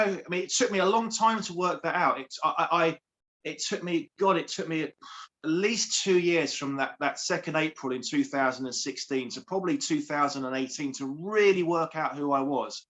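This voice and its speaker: A man's voice: on the high side, moderate pace, fairly bright tone. A man, a coach speaking earnestly as an interview guest, repeating phrases for emphasis. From England. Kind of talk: heartfelt interview.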